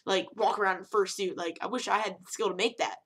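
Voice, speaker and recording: A young woman talking casually to camera in a vlog, animated and rambling, with emphatic rhetorical questions. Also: medium pitch, fast, slightly rough. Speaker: vlogger.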